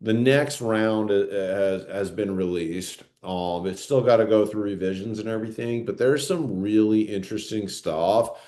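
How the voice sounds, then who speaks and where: A man's voice: fairly low pitch, measured pace, hardly any pauses, warm tone. A man co-hosting a podcast in casual chat, rambling with lots of fillers and "right?" tag questions. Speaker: podcast co-host.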